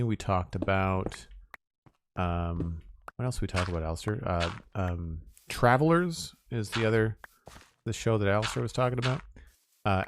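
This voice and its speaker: Over a noisy background, a fairly low-pitched male streamer chats with his audience as he plays. He's young, from Nova Scotia, and has a Maritime Canadian accent, drifting between rambling and counting aloud.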